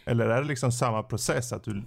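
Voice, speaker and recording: A man's voice: mid-range voice, vocal fry. A man hosting a casual interview, asking curious questions with many hesitations.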